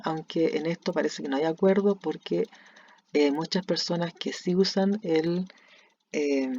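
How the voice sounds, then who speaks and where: An English teacher with a Chilean Spanish accent explains grammar slowly and deliberately, repeating each example sentence. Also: mid-range voice, warm tone, highs cut off, slight background noise. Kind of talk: recorded lesson explaining grammar.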